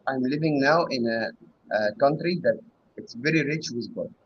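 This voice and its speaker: A man calling into a show over a bad connection that keeps cutting out. He is not a native English speaker and talks in a hesitant, halting way with many pauses and restarts. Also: mid-range voice, a little hiss or hum. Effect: bad connection, mic cutting out. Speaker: guest caller. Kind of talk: casual chat. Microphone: online video call. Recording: muffled, dropping online call audio.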